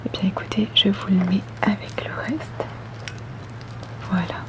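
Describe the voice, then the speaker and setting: A woman whispers softly and breathily in an ASMR roleplay, playing a polite, attentive boutique saleswoman serving a customer. Her mid-range voice stays level, gentle and unhurried.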